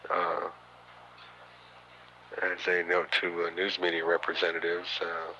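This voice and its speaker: A man giving matter-of-fact mission control status commentary, halting often with uhs and pauses, on an archival radio feed. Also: deep voice, monotone, muffled recording, background noise. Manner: halting, hesitant delivery with frequent uhs and pauses. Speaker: mission control announcer, public affairs commentator. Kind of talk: spaceflight status commentary, partly improvised.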